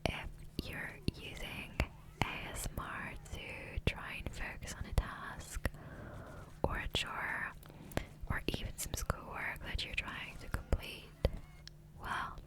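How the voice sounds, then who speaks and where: Close to a USB condenser microphone, a woman who hosts ASMR gaming content whispers softly and breathily. Her unvoiced whisper is gentle and unhurried, rambling in a casual way.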